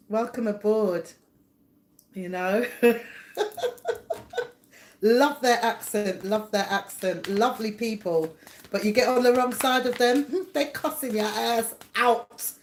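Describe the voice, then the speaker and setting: A woman's voice: a little high, slow, pauses often. Chatty woman. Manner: chatty, rambling, laughs often, greets viewers by name. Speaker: livestream host and psychic reader. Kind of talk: casual live chat with viewers. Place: home, indoors.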